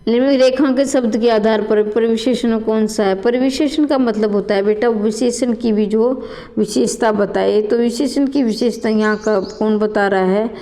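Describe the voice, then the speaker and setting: Woman teacher, echoey hall, high mellow voice. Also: fairly even intonation, moderate pace. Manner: addresses students as children, repeats questions and answers aloud. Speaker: Hindi exam coaching teacher. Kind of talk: exam answer walkthrough lesson.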